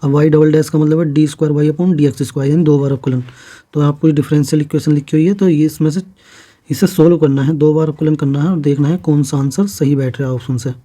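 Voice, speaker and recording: A man's voice: fairly high pitch, fast talker. A man teaching a maths lesson for exam preparation, explaining each step plainly and checking in often. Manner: steady step-by-step explaining with frequent "theek hai" checks.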